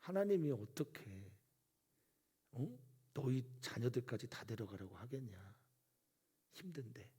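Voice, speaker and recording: A man's voice: medium pitch, animated, a little slow, long pauses, mellow, husky. A man preaching who voices a scornful, stubborn king in a taunting, dismissive way. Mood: mocking.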